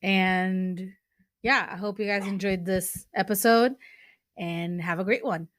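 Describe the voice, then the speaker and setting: A young woman from Portugal, host of her own podcast, earnestly recommends books in a casual talk, slipping in fillers and restarts. Her mid-range voice keeps a fairly even intonation at a slightly slow pace, in clean studio sound without echo.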